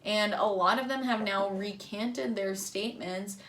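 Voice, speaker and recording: A woman's voice: medium pitch, a little slow, a bit bright. Young woman chatting true crime over wine, kinda sleepy, echoey room, mic a ways off. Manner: chatty, eager, drinking wine. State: sleepy, yawning. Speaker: podcast co-host. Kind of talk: casual true-crime chat. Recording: echoey room, mic at a distance, faint noise.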